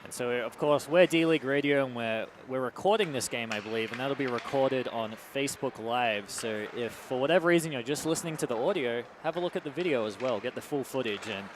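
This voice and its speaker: A man calls an amateur hockey game from a rink booth, chatty and easygoing, slipping into joking asides when he reads out sponsors. His voice sits at an ordinary middle pitch. A faint hum of noise runs under the booth recording. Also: lively intonation, a little fast, few pauses. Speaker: play-by-play commentator.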